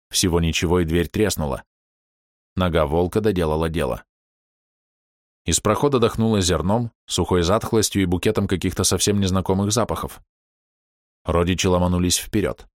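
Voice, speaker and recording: A man narrating a fantasy audiobook in a steady, even storytelling manner, close to the mic. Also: low voice, dry recording.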